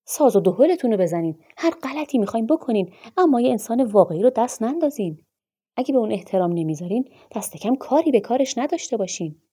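A woman voicing a bitter, proud male doctor in a storybook reading, shouting angry tirades. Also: medium pitch, lively intonation, husky. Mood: furious, shouting.

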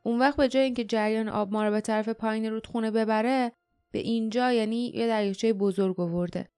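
A woman reading the part of a calm, proud young man who explains things quietly and quickly in an audiobook. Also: fairly high pitch, clear, resonant tone, lightly acted. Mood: quiet explaining.

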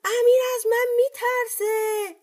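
Boastful storybook rooster, shrill and crowing, drawn-out calls, voiced by a woman. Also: flat delivery, a little mellow. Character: boastful defiant rooster, male, never admits defeat.

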